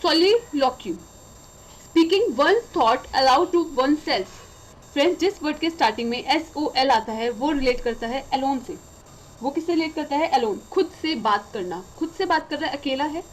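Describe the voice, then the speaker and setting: A woman with an Indian accent teaches an English vocabulary lesson in a high voice. She reads each definition slowly and carefully, then explains it in Hindi. Faint background noise sits under the recording. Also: lively intonation, poor audio.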